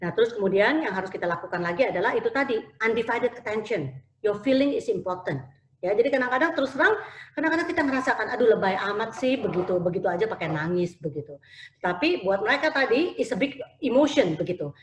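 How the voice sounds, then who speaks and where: A woman's voice: mid-range voice, lively intonation, fast. Lady doing a parenting talk on a call, mixes in english, roomy echo. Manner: mixes English phrases into speech, frequent fillers. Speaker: parenting speaker.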